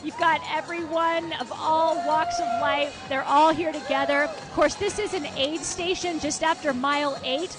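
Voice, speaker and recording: A woman reports live from a city street as a roving correspondent. Her voice is very high, and music plays clearly behind her outdoor broadcast. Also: steady tone, normal speed, few pauses. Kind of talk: live on-location race coverage.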